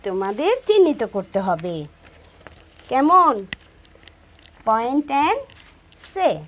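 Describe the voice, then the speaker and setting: Slow, lively-voiced Bangladeshi woman teacher. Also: high voice. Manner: slow, drawn-out repetition, switching between Bengali and English. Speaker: primary school English teacher. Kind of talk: classroom lesson to young children.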